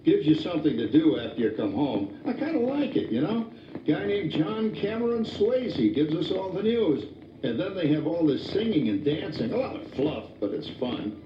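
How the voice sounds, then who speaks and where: An actor playing a cheerful, chatty father who jokes and chuckles about his family, heard from an old VHS tape recording. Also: on the high side. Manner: chatty, joking, chuckles often. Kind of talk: scripted stage narration. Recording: muffled old VHS tape, echoey hall from far off, music behind.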